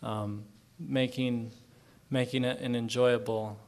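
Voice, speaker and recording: A man's voice: mid-range voice, steady tone, takes it slowly, darkish tone. Earnest young man from Oklahoma. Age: 20s. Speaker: panelist, young farmer. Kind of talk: personal panel answer.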